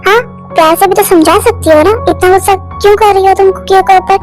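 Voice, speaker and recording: A voice actor playing a kind young aunt gently coaxing a little boy in an amateur fan dub. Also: extremely high pitch, fairly even intonation, fast, faint music behind, low-quality recording. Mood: reproachful. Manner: coaxing, soft.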